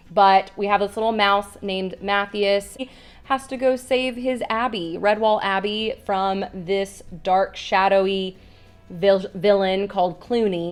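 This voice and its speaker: A young adult woman talking casually about books she did not finish, chatty and self-correcting with quick asides. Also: medium pitch. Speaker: booktuber. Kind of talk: casual book review vlog.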